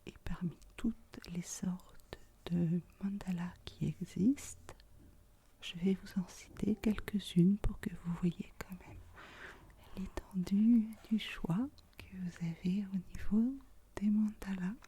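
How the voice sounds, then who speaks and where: A woman ASMR host speaking in a soft, unvoiced whisper, very close, right in the listener's ear. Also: mid-range voice, steady tone, slow pace, a little hiss or hum.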